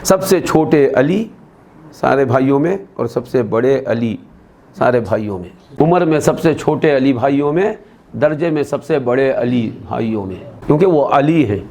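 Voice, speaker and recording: A male preacher giving a sermon to a gathering. He asks his listeners questions and repeats the answers back to them. When he acts out quoted dialogue, his voice climbs higher. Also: darkish tone. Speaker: Islamic scholar preaching. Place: religious gathering.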